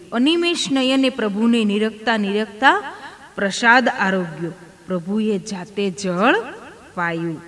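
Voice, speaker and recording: Woman telling a devotional tale, reverberant. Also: mid-range voice. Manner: voices each character in turn within the tale. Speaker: storyteller. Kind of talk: devotional storytelling. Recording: long hall reverb.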